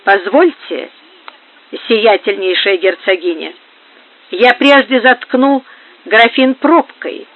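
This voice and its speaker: A reader voicing a soft-spoken, fawning court priest. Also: mid-range voice, slow pace, long pauses. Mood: deferential. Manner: soft-spoken, obsequiously polite. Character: male court priest, quiet and deferential. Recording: phone-like narrow band.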